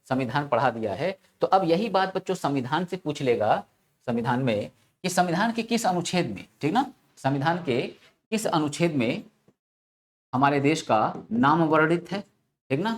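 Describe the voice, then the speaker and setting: A male teacher giving a classroom lecture, asking his students rhetorical questions and repeating the answers with frequent check-ins. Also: a little high.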